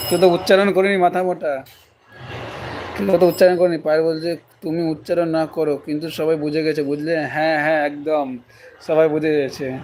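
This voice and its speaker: A man hosts a casual phone live stream, reading viewers' comments out loud and teasing them in reply. His voice sits a little high for a man. A faint hum of background ambience sits behind him.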